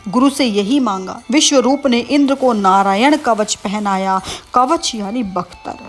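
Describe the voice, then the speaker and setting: A woman's voice: fairly high pitch, a little slow, soft background music. A woman narrating a religious scripture story, stopping to explain words as she goes. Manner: explains terms as she tells the tale.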